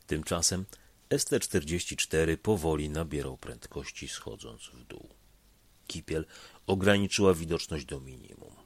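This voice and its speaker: A man narrates a tense story in a deep, gravelly voice that climbs and dips widely. His tone is husky, and the recording is close and dry, with no room sound. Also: moderate pace, no echo. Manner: expressive, shifts between loud and hushed delivery. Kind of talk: dramatic story reading.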